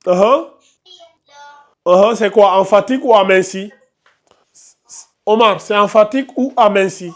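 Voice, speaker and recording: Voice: medium pitch, a little slow, pauses often. A Quran recitation teacher leading a class, patiently questioning students by name and correcting their reading.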